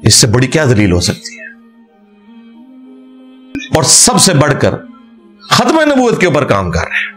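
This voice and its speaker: A man's voice: medium pitch, huge pitch swings, a little slow, long pauses, fairly bright tone, soft background music. A man giving argumentative religious commentary, answering a cleric with sarcasm and rhetorical questions. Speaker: religious speaker rebutting a cleric.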